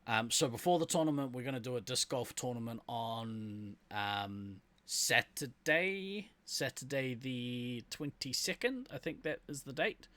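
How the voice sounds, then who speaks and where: A man's voice: medium pitch, animated, a little slow, few pauses, fairly bright tone. A man with a New Zealand accent co-hosting a podcast in casual, rambling chat, laughing often. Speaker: podcast co-host.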